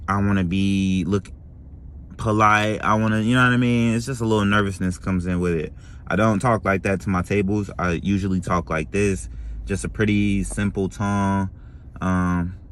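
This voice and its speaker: A man's voice: sits low, a bit bright, clear, resonant tone. A young man who works as a restaurant server, talking casually to camera in a rambling way, often correcting himself and asking "you know what I mean?". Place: lives in Florida.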